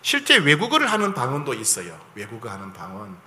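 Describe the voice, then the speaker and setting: Lively, bright-voiced male pastor preaching. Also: medium pitch, fast talker, echoey room, slight background noise. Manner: conversational preaching, asks the congregation for agreement. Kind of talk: sermon.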